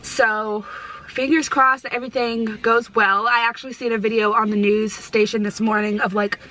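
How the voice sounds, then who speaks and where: A woman's voice: a little high, flat delivery, moderate pace, pushed and bright, a little hiss or hum, poor audio. A young woman chatting casually as a vlogger in slangy, sweary, emphatic stoner talk, often repeating herself. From United States. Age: young adult. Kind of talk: casual chat to camera.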